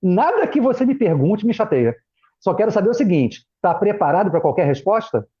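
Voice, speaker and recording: A man's voice: sits high, fairly quick, breathy edge. A middle-aged Brazilian man, a former pastor and guest, telling personal stories in a casual chat, acting out his children's voices. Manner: animated, acts out family members' voices in quotes. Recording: muffled lo-fi live stream audio.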